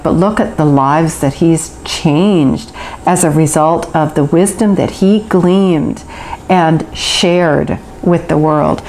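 A woman's voice: on the low side, a little mellow, a little hiss or hum. A woman giving an intuitive tarot reading to the viewer, talking in a flowing, earnest way and drawing out words for emphasis. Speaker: tarot reader.

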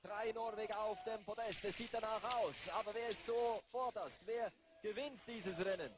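A man doing live race commentary, building to excited calls near the finish. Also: high voice, normal speed, background noise. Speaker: sports commentator.

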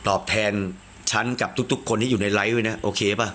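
A man chatting casually on a live stream, crude and talkative, jumping to a higher voice when he quotes others. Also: steady tone, a little fast, pushed and bright, a little hiss or hum.

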